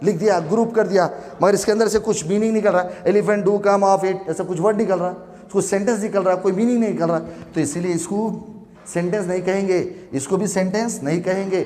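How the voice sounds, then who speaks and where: A male teacher with a high voice explains grammar to his class. He fires questions at the room, answers them himself and spells words out letter by letter. His voice carries a long echo off the classroom walls. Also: fairly even intonation, fast talker, warm tone. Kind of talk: classroom grammar lesson in mixed Hindi and English.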